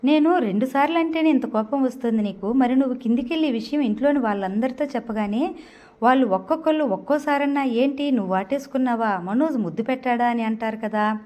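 A woman's voice: a little high, fast, dark tone, natural voice. A woman voicing a smug young man who teases and argues stubbornly, in a storybook reading. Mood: teasing. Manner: teasing, stubborn, smirking argument. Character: smug teasing young man, about to marry.

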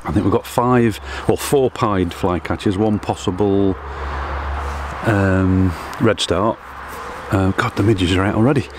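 A middle-aged man, a bird tour guide and wildlife photographer, narrating a casual vlog to a camera-mounted mic outdoors in woodland, talking quietly and unhurriedly. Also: sits low. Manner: quiet, hushed and unhurried, keeping noise down for wildlife. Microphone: camera-mounted mic, close selfie framing. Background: background music and birdsong.

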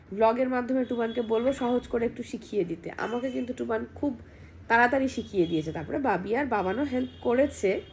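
A woman vlogger, hoarse from a cold, chatting casually at home and reading out viewer comments. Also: on the high side, darkish tone, slight background noise. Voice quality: husky, gravelly.

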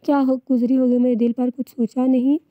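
A woman reading out the lines of a young wife who is emotional and quick-tempered. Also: high voice, level tone, dry recording, close to an everyday voice. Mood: tearful. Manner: tearful pleading, then teasing. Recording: dull lo-fi, dry.

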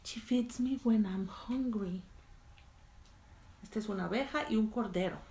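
A woman's voice: mid-range voice, a little slow, gravelly, a little mellow, echoey room, a little hiss or hum. A woman teaching children by reading picture books in Spanish, repeating each line in English and chatting between pages. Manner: reads a line in Spanish, then explains it in English; chatty asides while turning pages. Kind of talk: bilingual picture-book story time.

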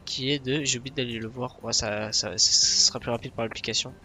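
A man's voice: mid-range voice, fairly even intonation, brisk, sharp tone. A man giving casual tutorial commentary as a flight simulator presenter.

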